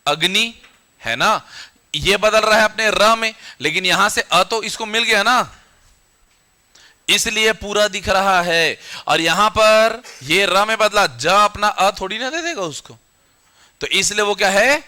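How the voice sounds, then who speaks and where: A young adult man leads a grammar lesson in a classroom. His voice sits high and sounds very bright and sharp. He fires questions at the students and answers them himself, and he slows down to dictate rules. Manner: quizzing students with call-and-response questions. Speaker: teacher.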